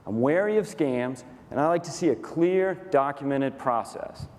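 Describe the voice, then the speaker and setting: On a conference stage in a large hall, a Texan company COO walks through a software demo in a dry, matter-of-fact, methodical way. His mid-range voice is expressive and moves at normal speed. The staged product presentation echoes in the reverberant room.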